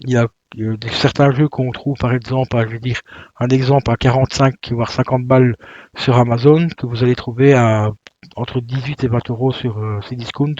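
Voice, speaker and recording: A man's voice: medium pitch, fairly even intonation, normal speed, a little mellow, dry recording, lo-fi sound. Man, casual unboxing chat, loose and rambling, dry close sound. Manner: loose and chatty, many fillers and self-corrections. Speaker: YouTuber unboxing video games.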